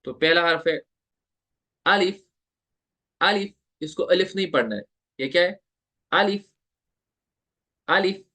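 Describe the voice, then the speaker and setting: Patient man teaching recitation, higher voice. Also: expressive, normal speed, long pauses, pushed and bright. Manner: patient, repeats points and asks the listener questions; draws out letter sounds for demonstration. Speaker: Tajweed teacher. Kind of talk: online lecture.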